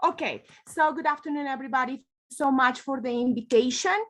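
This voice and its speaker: A woman's voice: high voice, brisk, a bit bright. A woman from Ecuador speaking on a video call as a conference presenter, hesitant and polite, with many fillers.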